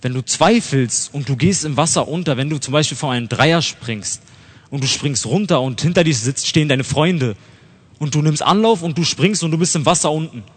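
A man's voice: on the high side, normal speed, husky. A young man preaching a casual, conversational sermon, using slang and acting out people's thoughts. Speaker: lay preacher. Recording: long hall reverb.

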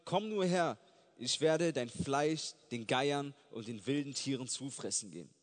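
A man reading aloud the part of a mocking, boastful giant warrior in a loud, scornful way. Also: mid-range voice, animated, measured pace, natural voice. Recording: long hall reverb.

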